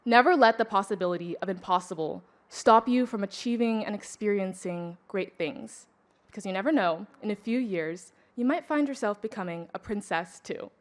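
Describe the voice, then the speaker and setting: A young woman in her late teens gives a prepared public speech. She stays composed and deliberate and keeps a measured delivery. Her pitch stays in an ordinary middle range. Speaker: student speaker.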